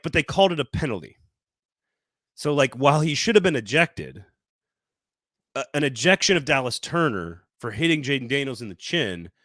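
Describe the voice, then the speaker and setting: Animated man debating sports, dry mic. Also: mid-range voice, dry recording. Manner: animated, talks in quick restarts. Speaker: sports talk host.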